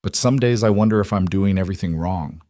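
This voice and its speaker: A man reading the lines of a calm, reserved wealthy single father in a narrated story, in a measured tone. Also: deep voice, no echo, clean studio sound, lightly acted. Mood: pensive.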